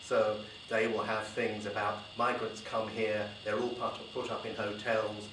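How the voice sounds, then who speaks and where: Man, journalist panelist, low flat voice, measured, hesitant, distant mic, noisy hall. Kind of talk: panel discussion talk. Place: university lecture room.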